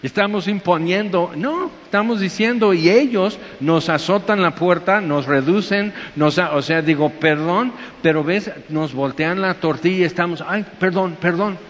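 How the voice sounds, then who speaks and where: A man preaching a conversational sermon, acting out voices in squeaky high tones. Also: moderate pace, hardly any pauses. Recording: dull echoey hall with faint hiss.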